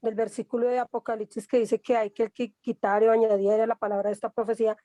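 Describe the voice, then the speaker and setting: A woman's voice: a little high, flat delivery, quick pace, dark tone, no echo. A woman, a student in a Bible class, politely asking the pastor a question with hesitations.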